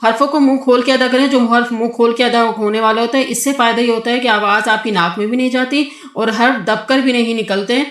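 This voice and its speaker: Casting note: woman, fairly high voice, patient tajweed teacher, echoey room. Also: a bit bright. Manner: patient, drawn-out sung syllables for the child to repeat. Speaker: Quran recitation teacher. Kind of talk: tajweed lesson with a child.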